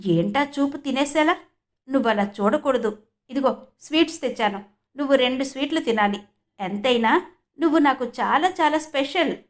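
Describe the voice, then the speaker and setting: Woman playing eager young woman, new professor, lively, slightly high voice, audiobook. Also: moderate pace. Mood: playful.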